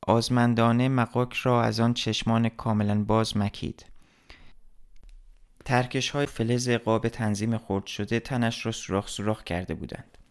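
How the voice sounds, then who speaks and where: A man narrating a literary story as an audiobook, reading in a steady, measured way. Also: medium pitch.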